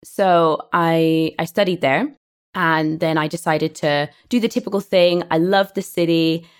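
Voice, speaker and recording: A woman's voice: sits low, fairly even intonation, a little slow, clean tone. A woman with a southern English accent, an English teacher and podcast cohost, chatting cheerfully in an interview and laughing easily. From England. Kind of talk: casual interview chat.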